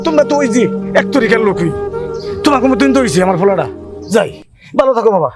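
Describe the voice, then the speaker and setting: Guy playing a heartbroken old dad, pleading and high voice. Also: big pitch swings, fast, over music. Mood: reproachful. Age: older. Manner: pleading, reproachful. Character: grieving elderly father scolding his son's friends. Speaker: actor. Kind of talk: television drama acting.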